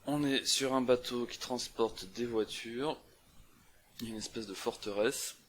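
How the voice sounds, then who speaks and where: This CTF walkthrough presenter is a young man with a mid-range, fairly bright voice who talks a little slowly. In his casual screen recording he works through an on-screen map puzzle out loud, full of fillers and restarts, with slight hiss or hum in the background.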